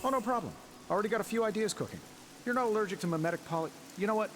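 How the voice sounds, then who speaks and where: An actor playing a wisecracking, nervously friendly superhero inventor in a game, with a glib, rambling, self-deprecating manner. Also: male voice, high voice, very fast, background noise, close to an everyday voice. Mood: wry, friendly. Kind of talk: casual game dialogue.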